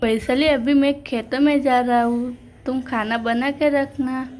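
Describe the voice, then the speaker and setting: Woman doing a firm doll-story dad, high, flat delivery. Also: unhurried, a little hiss or hum. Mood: gentle. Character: stern protective village father.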